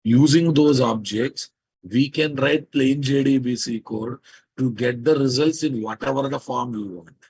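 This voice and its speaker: A man's voice: medium pitch, moderate pace, breathy edge, poor audio. A man with a Telugu Indian accent teaches programming to a class, speaking emphatically, repeating phrases and prodding listeners with questions. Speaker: software teacher. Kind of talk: live programming lecture to a class.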